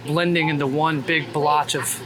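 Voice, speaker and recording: Out walking on a city street, a man chats casually and candidly, his talk slangy and full of swearing. His voice sits fairly high, with a steady tone and a normal speed. He's a guest, a street photographer who used to vlog about BMX, recorded on a noisy street where traffic and street noise come through clearly.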